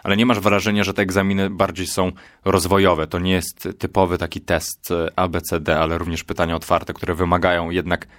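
A man leads the conversation with calm, reasoned questions in a casual talk. His voice sits very low. The recording is dry and close to the mic. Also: fairly quick, no echo. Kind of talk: casual discussion.

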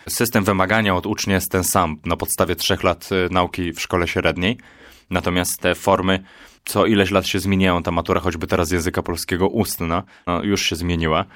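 A man in a casual discussion who poses questions and argues in a calm, reasoned way. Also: sits low, dry recording, clean studio sound.

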